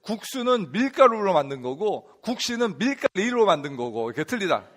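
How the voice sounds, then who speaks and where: A man voicing an older male village head who speaks in a slow, pondering, plain-spoken way. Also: sits high, sing-song, fairly bright tone, full character voice.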